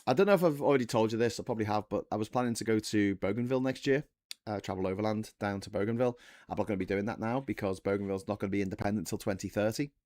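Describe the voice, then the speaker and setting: A man's voice: fairly low pitch, racing, darkish tone, no echo. A man in his forties hosting a casual live stream, rambling through trivia, correcting himself often and talking to his chat. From England. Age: 40s. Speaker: livestream host.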